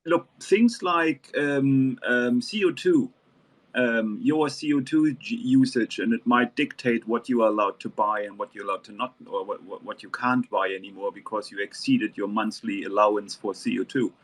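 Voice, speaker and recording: A man from New Zealand talking in a casual panel discussion, halting and restarting with many fillers. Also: medium pitch.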